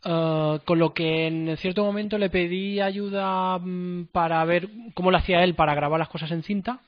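A man's voice: high voice, fairly even intonation, moderate pace, no echo. A man, a podcast co-host telling personal anecdotes in casual chat, with frequent hesitations. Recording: dull lo-fi podcast audio.

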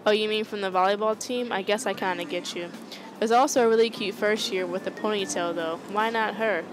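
A woman's voice: medium pitch, brisk, noisy background. A woman gaming streamer casually reading game text aloud and commenting, offhand and swearing now and then.

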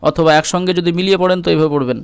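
A man teaching Quran reading, spelling out each syllable slowly, then chanting the verses in long drawn-out recitation. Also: high voice, clear, resonant tone, no room sound, clean studio sound.

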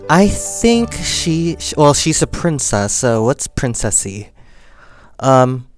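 Slow and sing-song at a medium pitch, this young man chats through his life-simulation game in a casual let's-play. The gaming channel host thinks aloud, counting things and making decisions as he plays, while faint music sits behind him.

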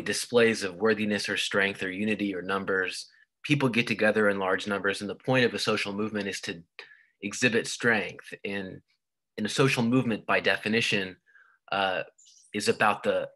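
A man delivers a recorded online university lecture over slides, explaining at length and frequently restarting with repeated words. He has a lowish voice and a fairly bright tone.

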